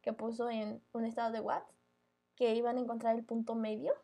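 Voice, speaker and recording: A woman's voice: on the high side, little pitch movement, fairly quick, gravelly, mellow. A young woman with a Mexican Spanish accent chatting casually on a podcast, blunt and full of slang and swearing. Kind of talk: casual chat.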